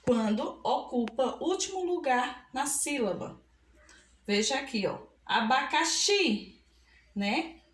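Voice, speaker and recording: A woman's voice: fairly high pitch, roomy sound. A woman teaching a school grammar lesson, affectionate and patient, stretching out example words and checking in often with the class. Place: classroom with a board.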